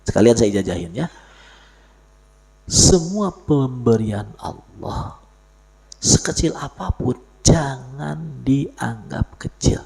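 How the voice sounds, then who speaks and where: Male preacher, gravelly voice, animated swings in pitch, explains and jokes. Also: slow, pauses often. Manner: explains Arabic text in Indonesian, lively and joking. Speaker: religious teacher. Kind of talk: sermon. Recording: live audio stream.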